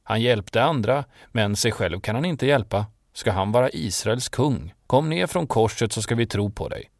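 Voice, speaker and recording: A man's voice: on the low side, expressive, dry recording, studio quality. A man reading the mocking words of the chief priests in a Bible story, scornful in tone.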